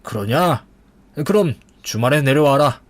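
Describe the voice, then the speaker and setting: A man's voice: medium pitch, expressive, measured pace, no echo. A man voicing a confident, protective older father who speaks firmly and reassuringly. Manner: firm, reassuring.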